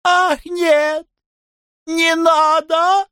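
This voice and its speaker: A woman's voice: animated, moderate pace, no room sound, clean studio sound, lightly acted. A man voicing Miss Kennedy, a young barmaid who squeals, pleads and giggles in disgust. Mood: squealing pleading. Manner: shrill pleading, breaks into squeals.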